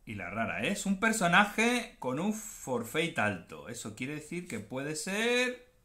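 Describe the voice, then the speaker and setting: Lively bright-voiced Spanish man chatting. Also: on the high side, takes it slowly. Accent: Spanish from Spain. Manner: chatty and playful, often joking and self-mocking. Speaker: card unboxing channel host. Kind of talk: casual unboxing commentary, switching between Spanish and English.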